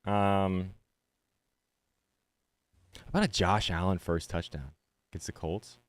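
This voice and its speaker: A man with a low voice co-hosting a sports betting podcast, laid-back and giggly. His delivery stumbles and restarts now and then. The recording is dry and close, with no room sound. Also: fairly even intonation, slow pace, dry recording. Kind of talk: casual podcast talk about bets.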